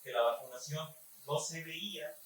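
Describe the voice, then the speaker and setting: Mexican man in a very echoey hall. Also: on the high side. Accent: Mexican Spanish. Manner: formal, measured academic reasoning. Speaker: audience member at a conference. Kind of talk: conference question-and-answer comment. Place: conference hall. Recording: very echoey hall, voice far from the mic, faint room noise.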